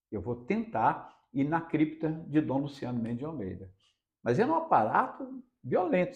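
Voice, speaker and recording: A radio reporter from Minas Gerais tells stories during a casual interview, his mid-range, darkish voice carrying a Minas Gerais Brazilian Portuguese accent. He leans on emphatic, repeated phrases.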